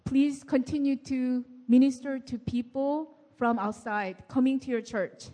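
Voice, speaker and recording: A woman gives her testimony in church, speaking in short phrases and pausing for an interpreter. Her tone is mellow and a little high. Her voice carries the long reverb of a church hall. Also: fairly even intonation. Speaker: guest giving testimony.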